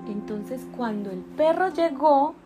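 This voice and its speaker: A mother tells a bedtime story from bed, recorded on a nearby phone. She narrates gently and unhurried in a fairly high voice, with guitar music playing behind. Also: lively intonation. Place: bedroom, in bed.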